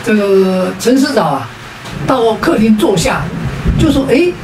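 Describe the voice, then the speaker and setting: A woman's voice: mid-range voice, very animated, measured pace, roomy sound, distant mic, noisy background. A woman with a Taiwanese Mandarin accent telling jokes in a sing-song storytelling way, drawing out sentence-final particles. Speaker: joke teller. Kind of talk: storytelling comedy.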